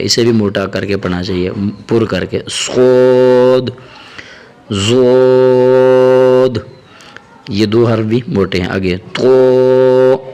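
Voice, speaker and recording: A man with a Pakistani Urdu accent teaching Arabic letters, drawing out each letter name slowly between quick explanations. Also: fairly low pitch. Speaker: Quran teacher. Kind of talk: letter-by-letter pronunciation lesson.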